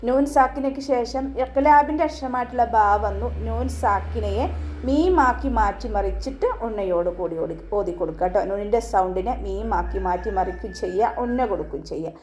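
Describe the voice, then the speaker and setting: A woman's voice: medium pitch, a little mellow. Patient woman teaching Quran recitation. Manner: patient step-by-step instruction, ends lines with "kettō"; slow drawn-out chanted recitation of verses. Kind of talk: tajweed lesson, explaining and reciting.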